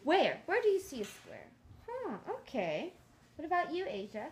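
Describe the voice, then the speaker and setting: A woman's voice: high voice, wildly swooping pitch, moderate pace, a little mellow. A woman reading a picture book aloud to young children, coaxing them along with simple questions. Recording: clearly noisy room.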